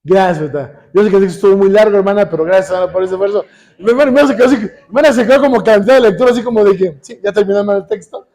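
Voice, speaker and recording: A middle-aged Mexican preacher with a high but mellow voice delivers a sermon. He keeps saying "hermanos" and puts questions to the congregation, slipping in joking asides. His tone is soft and rounded rather than bright. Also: very fast. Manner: says "hermanos" constantly, asks the congregation questions.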